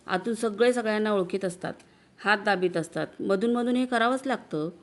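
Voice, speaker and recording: A woman's voice: mid-range voice, brisk, natural voice. A boastful, self-assured husband who coaxes his wife with big promises, read by a woman narrator in her plain voice. He sounds confident and persuasive in this storybook reading. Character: boastful husband, middle-aged man, smooth talker.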